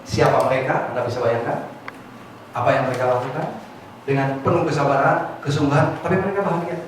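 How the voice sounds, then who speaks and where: A man leads a motivational seminar, asking the audience questions and prompting them to answer. His voice booms around a large, echoing hall and is picked up from a distance. A steady layer of noise sits underneath. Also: fast talker. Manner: lively, calls on the audience to answer. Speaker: motivational speaker. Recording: echoey hall, far mic, noisy.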